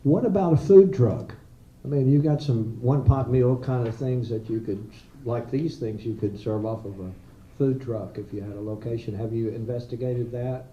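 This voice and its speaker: A man judging a pitch competition, asking probing, businesslike questions. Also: moderate pace, dark tone. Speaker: competition judge. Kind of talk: questioning a contestant. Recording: distant, echoey, dull hall sound.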